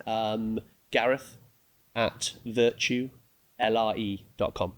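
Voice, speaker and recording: A man's voice: fairly low pitch, fairly even intonation, slow. A man from England with a neutral English accent, chatting casually as a podcast guest, with lots of fillers and frequent laughs. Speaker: guest, real estate agent. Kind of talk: casual interview chat.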